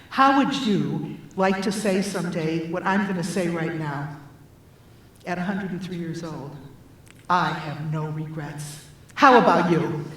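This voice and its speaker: An older woman in her seventies tells personal stories with humor and punchlines. Her voice carries in a very echoey church hall, picked up from a distance with faint background noise. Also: mid-range voice. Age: 70s. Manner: humorous, lively storyteller with punchlines. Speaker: guest speaker, life coach. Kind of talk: personal storytelling talk. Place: church sanctuary.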